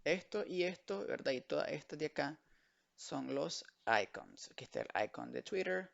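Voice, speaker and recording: In a muffled recording, a man with a somewhat high, animated, creaky voice teaches English words to children during an online lesson. He moves between Spanish and English, drilling each word slowly and repeating it patiently.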